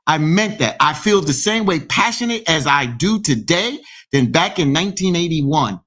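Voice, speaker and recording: A man co-hosting a call-in talk show, forceful and repeating himself for emphasis. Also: fairly high pitch, animated, normal speed. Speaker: co-host.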